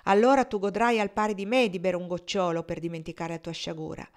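A woman's voice: fairly low pitch, steady tone, brisk, natural voice. A woman reading aloud, voicing a bitter, weary old woman who grumbles gloomily.

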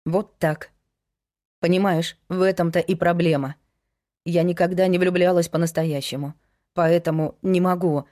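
A woman's voice: fairly low pitch, steady tone, normal speed, a little mellow, natural voice. A woman reading a resolute young woman. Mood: firm.

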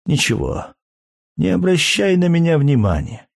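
A man's voice: fairly high pitch, very animated, moderate pace, vocal fry, no room sound, studio quality, pitched above the performer's own voice. A man reading an audiobook, voicing a grieving young Roman mother who speaks tearfully and tenderly. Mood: sorrowful. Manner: tearful, pleading, softly emotional.

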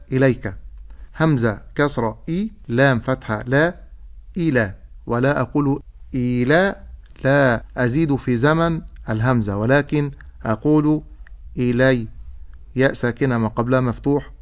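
A man teaching Quran recitation, explaining rules and then reciting example words slowly and drawn out. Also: medium pitch. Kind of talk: tajweed lesson with recited examples.

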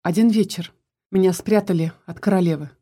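Woman reading as a young wife, weary, evasive, soft sighing replies, mellow tone, storybook. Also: on the low side, brisk, slightly rough.

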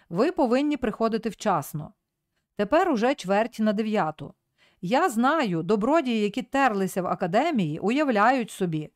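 A woman reading aloud voices a rude, bullying male newspaper editor who scolds and shouts at his staff. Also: mid-range voice, no echo, clean studio sound, lightly acted.

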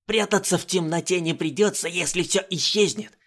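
A man reading an audiobook voices a frail, confused old male professor with a high, croaking voice. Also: moderate pace, fairly bright tone. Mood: fearful.

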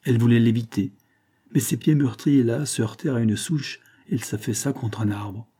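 Man, audiobook narrator, measured reading, husky, dark tone. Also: mid-range voice. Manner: steady, measured literary reading. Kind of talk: scripted narration.

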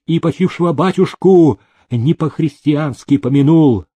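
A man's voice: fairly high pitch, unhurried, dark tone, slightly rough, lo-fi sound, pitched above the performer's own voice. A man voicing a fawning, scheming older male steward who whines and pleads. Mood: whining, pleading.

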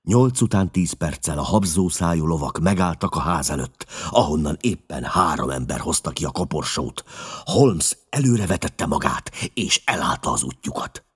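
A man narrating an audiobook story in a measured, expressive storytelling manner with a husky voice. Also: a bass voice.

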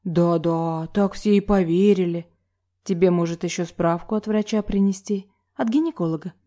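A woman's voice: fairly low pitch, moderate pace, warm tone, close to an everyday voice. A woman reading an audiobook, voicing a brash, gossipy young woman who mocks and then pleads nervously. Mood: mocking.

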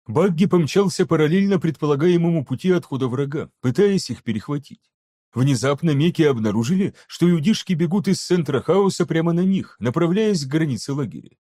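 A man narrating an action-packed fantasy audiobook with steady, even storytelling. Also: a little high. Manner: steady, even storytelling that voices each character. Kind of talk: scripted narration.

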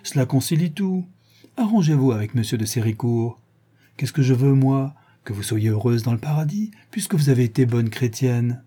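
A man's voice: mid-range voice, lively intonation, normal speed, warm tone, slightly rough. A man reading the part of God the Father as an elderly judge, puzzled and then indulgent. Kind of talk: audiobook character reading.

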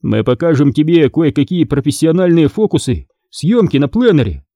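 A man's voice: on the high side, big pitch swings, normal speed, warm tone, no room sound, lo-fi sound, voice pushed up. A man voicing a jovial, hearty middle-aged uncle in a storybook reading.

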